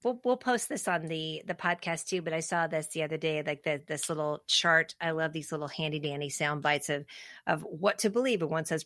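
Lady podcast host, chatty and playful, gravelly, bright lowish voice, dry close sound. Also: no echo. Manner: chatty, laughs often, playful. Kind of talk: casual chat.

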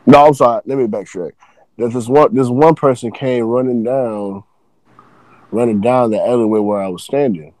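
Animated man telling a story. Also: medium pitch, moderate pace, dry recording. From Texas. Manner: loose, profane, animated. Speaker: podcast guest telling a work story. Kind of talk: casual storytelling chat.

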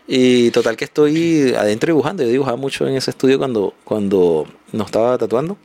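A man sits as a podcast guest and tells a long story in a relaxed, animated way. His voice sits at an ordinary middle pitch. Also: a little fast. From Venezuela. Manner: animated anecdote teller, acts out voices in quotes. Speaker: guest, tattoo artist.

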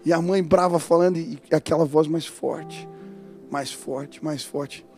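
Fervent Brazilian pastor preaching. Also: male voice, a little high, steady tone, a little slow, creaky, faint music behind. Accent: Brazilian Portuguese. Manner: dynamic preaching, swinging from hushed to loud and fervent. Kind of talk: sermon.

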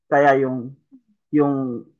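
Halting woman on a slightly dull recording. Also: rumbling low, flat delivery, darkish tone. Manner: halting, restarts often, mixing Filipino and English. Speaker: podcast co-host. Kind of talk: casual chat.

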